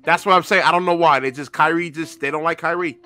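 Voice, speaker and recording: A man's voice: fairly high pitch, steady tone, quick pace, sharp tone. A man co-hosting a sports talk show who argues heatedly in a panel debate, stammering and repeating words as he talks.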